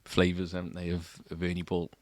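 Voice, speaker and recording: A man with a very low voice chats casually on a shop podcast, tossing in frequent tag questions. The recording is close and dry, with no room echo. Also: monotone, brisk. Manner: chatty, with rising tag questions. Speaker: podcast co-host at a guitar shop. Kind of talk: casual chat. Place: shop, indoors.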